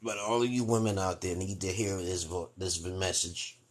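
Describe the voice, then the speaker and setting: A man's voice: low voice, fairly even intonation, moderate pace. A man in his forties with a New York accent, hosting a casual livestream, rambling through relationship advice and tagging "okay?" onto his sentences. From Brooklyn, New York, USA. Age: 40s. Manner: rambling, repeats "okay?" often.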